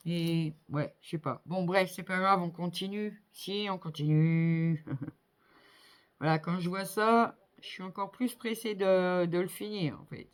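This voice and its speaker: A woman's voice: lowish voice, steady tone, measured pace, clear, resonant tone. A middle-aged woman chatting casually as she builds a model kit, thinking aloud with many fillers. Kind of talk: casual hands-on crafting commentary.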